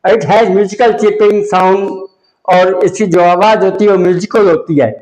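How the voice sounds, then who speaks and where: A man with an Indian accent teaches an English vocabulary lesson, explaining words and their meanings in Hindi, slowly repeating each word and asking "samjhe?" to check students follow. His voice sits high, steady and a little mellow. The audio is poor, with a roomy sound.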